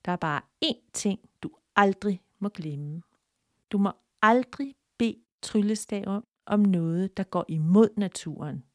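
A woman voicing a small magical forest man who speaks solemnly and at times hushed. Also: medium pitch, dry recording, clean studio sound, lightly acted.

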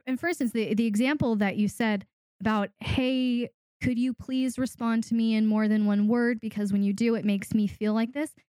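A woman's voice: a little high, no room sound. A woman hosting an advice podcast, coaching a guest in an emphatic, direct way and stacking points for effect. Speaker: podcast host and coach for dominants.

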